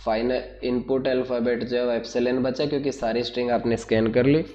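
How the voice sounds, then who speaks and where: A man's voice: medium pitch, level tone, brisk, warm tone. Male teacher in an echoey room. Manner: explains step by step, quizzing students with repeated questions. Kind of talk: online class lecture. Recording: echoey room, dull lo-fi sound.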